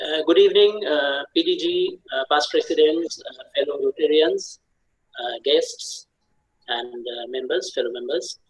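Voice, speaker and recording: A man from Bangladesh introducing himself at an online club meeting, shy and halting, with many "uh" fillers. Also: mid-range voice, poor audio. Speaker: club member giving a self-introduction. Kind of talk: hesitant online meeting talk. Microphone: video call.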